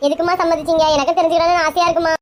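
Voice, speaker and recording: A woman playing a meek, tender grown daughter in a comedy skit, speaking softly and pleadingly with a Kanyakumari Tamil accent. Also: extremely high pitch, little pitch movement, very fast, slight background noise. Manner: soft, pleading.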